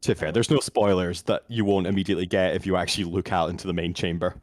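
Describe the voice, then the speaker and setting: Man on a loud clipping mic. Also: low voice, fast, no echo, studio quality. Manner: dramatic recap narration, relaxed banter between. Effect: loud clipping, distorted mic. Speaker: game master. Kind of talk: narrating a tabletop game over voice chat. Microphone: home computer mic on voice chat.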